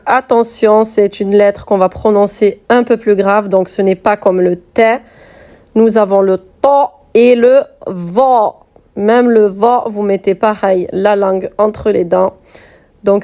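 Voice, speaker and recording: A woman's voice: on the high side, darkish tone. A woman teaching letter pronunciation in a patient, step-by-step lesson, repeating sounds so learners can compare them. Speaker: Quran reading teacher.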